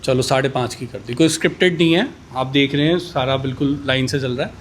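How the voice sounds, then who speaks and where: A man pitching used superbikes in a casual, boastful way, rattling off price countdowns. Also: quick pace, a little hiss or hum.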